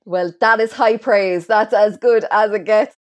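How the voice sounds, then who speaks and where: A woman's voice: medium pitch, fairly even intonation, a little slow. A woman with an Irish accent hosting a casual interview, informal and effusive, often chiming in. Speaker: interviewer, host.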